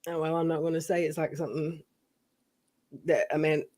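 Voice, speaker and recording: A woman's voice: sits low, level tone, fairly quick, darkish tone. A woman in a casual chat with a friend, speaking candidly and rambling, often trailing off. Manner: candid, rambling, frequent fillers and restarts. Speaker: co-host of a chat video.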